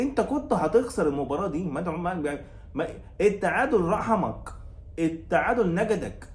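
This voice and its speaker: A man's voice: high voice, reverberant. A man with an Egyptian Arabic accent hosting his own football channel, delivering a heated, sarcastic rant that repeats its complaints and scolds the coach. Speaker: football commentator and channel host. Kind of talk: angry fan rant about a match.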